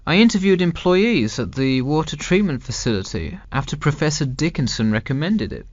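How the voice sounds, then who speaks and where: A man's voice: fairly high pitch, lively intonation, moderate pace, no echo, dull audio. A man playing a university student in a scripted, carefully enunciated textbook dialogue. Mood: explaining, earnest. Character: male university student discussing his dissertation with an adviser. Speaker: student in a listening-test dialogue.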